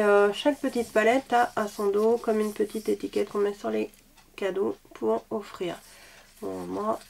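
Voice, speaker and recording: A woman's voice: a little high, creaky, darkish tone. A woman reviewing makeup in a chatty, self-deprecating way, a little sick and coughing now and then. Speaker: beauty vlogger.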